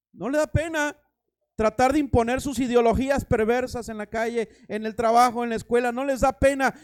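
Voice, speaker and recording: Pastor preaching, high voice, dramatic, acts out little scenes. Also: male voice, smooth. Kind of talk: sermon.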